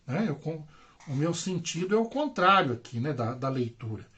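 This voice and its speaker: Patient Brazilian teacher explaining slowly. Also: male voice, fairly high pitch, sing-song, sharp tone, highs cut off. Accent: Brazilian Portuguese. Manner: patient, repetitive explaining with constant "né?" and "tá?" tags. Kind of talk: online grammar lesson.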